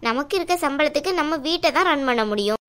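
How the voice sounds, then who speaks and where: A woman's voice: high-pitched, lively intonation, fast talker. A woman voicing a stubborn, educated working young woman in a cartoon, arguing bluntly with her sister. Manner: argumentative, blunt. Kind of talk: cartoon dialogue.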